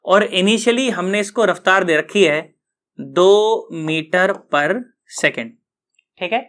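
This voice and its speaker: A male physics tutor teaching an online class in an easy, colloquial way. He is lively and coaxing, cracks jokes, and slips English terms into his explanations. He keeps checking in with students to make sure they have understood. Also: sits high, slow pace.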